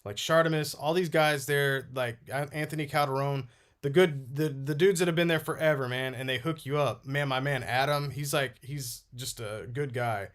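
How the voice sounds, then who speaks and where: A man's voice: mid-range voice, normal speed, fairly bright tone. A man from Texas chatting casually as a co-host, rambling and enthusiastic, with "man" and "like" all through his talk. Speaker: co-host of a collectibles talk stream. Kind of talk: casual group chat.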